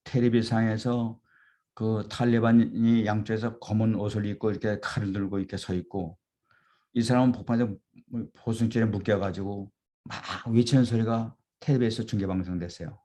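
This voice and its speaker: A man's voice: fairly low pitch, steady tone, moderate pace, dark tone. A middle-aged man, a pastor, earnestly retelling martyr stories in a sermon. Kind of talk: storytelling sermon.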